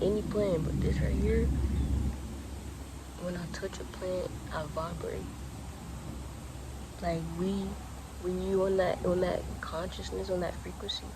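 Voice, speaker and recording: Against a noisy background, a twentysomething vlogger with a high, gravelly voice speaks earnestly by the water. His spiritual, motivational talk is easygoing and tends to repeat itself.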